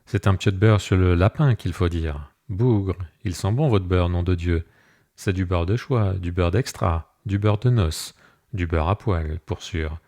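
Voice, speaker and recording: Casting: joking, blustering rural sergeant, swearing and teasing, played by a man with a deep voice. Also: unhurried, mellow.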